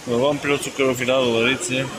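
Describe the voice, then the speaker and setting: A travel vlogger walks through a large indoor shopping mall, narrating casually in a playful, enthusiastic, teasing way. His voice is medium-pitched with little pitch movement, and he talks fast over noisy mall ambience.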